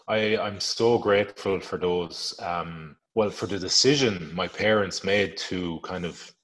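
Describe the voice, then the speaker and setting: A man with a west of Ireland accent telling personal stories in a reflective, halting, informal interview manner. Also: low-pitched, a bit bright. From Galway, west of Ireland. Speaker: adventurer guest. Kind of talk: conversational interview storytelling.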